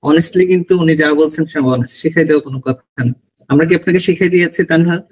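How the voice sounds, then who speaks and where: A man hosting an online coaching session, asking formal, measured questions over a video call. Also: a little high, slightly rough, low-quality recording. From Bangladesh. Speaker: host of visa coaching session. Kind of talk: online interview.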